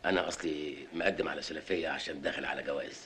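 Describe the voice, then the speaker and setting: An actor playing a humble, fawning male factory worker with an Egyptian accent, talking fast and deferentially. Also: a bass voice, gravelly, slightly rough, heavily acted. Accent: Egyptian Arabic. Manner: rapid, deferential and flattering. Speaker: warehouse worker.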